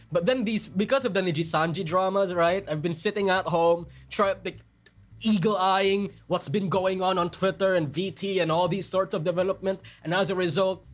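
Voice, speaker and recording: Filipino accent guy streaming, kinda high voice, rambly and self-deprecating, faint music behind. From Philippines. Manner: rambling, self-deprecating, answers chat messages. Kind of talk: casual live-stream chat.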